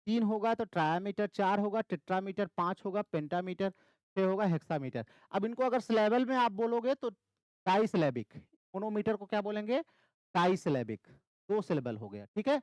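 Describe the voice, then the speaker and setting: A man's voice: high voice, lively intonation, moderate pace, darkish tone, no echo, rough recording. A man teaching English literature for exam preparation, repeating key terms and asking and answering his own questions. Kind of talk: exam-prep lecture.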